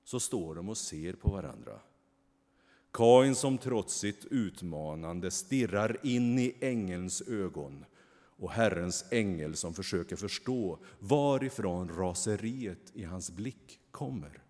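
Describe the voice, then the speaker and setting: A man narrating a storybook in a calm, even reading voice, with a long hall reverb. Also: sits low.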